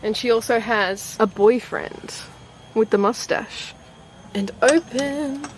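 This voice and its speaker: A young woman travel vlogger telling stories in an animated, dramatic way, exaggerating for laughs. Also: fairly high pitch, slow pace, background noise. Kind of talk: casual storytime vlog. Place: tropical villa, indoors and out.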